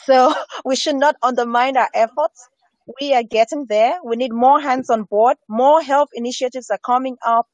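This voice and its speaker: A woman's voice: sits high, moderate pace, no room sound, muffled recording. A woman speaking as a health educator in an earnest interview, repeating key phrases for emphasis. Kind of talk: earnest conversational discussion on health.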